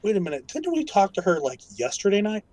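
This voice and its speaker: Higher-voiced man chatting at a game, close-sounding. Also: wildly swooping pitch, fast talker, darkish tone, dry recording. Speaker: tabletop game player. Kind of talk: casual game chat.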